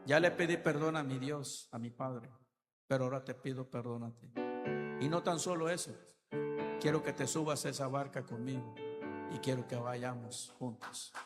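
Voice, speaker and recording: Man preaching in church, gets soft then loud, lots of reverb, piano playing under him. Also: medium pitch, normal speed. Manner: impassioned, swings from soft to loud. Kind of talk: sermon. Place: church hall. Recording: church reverb with keyboard music. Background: keyboard music.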